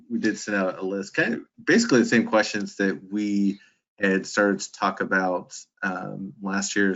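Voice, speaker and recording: A man moderates a panel over a video call, his voice on the low side. He rambles loosely, padding his sentences with fillers, and the call audio sounds dull and muffled. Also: a bit bright. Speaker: panel host.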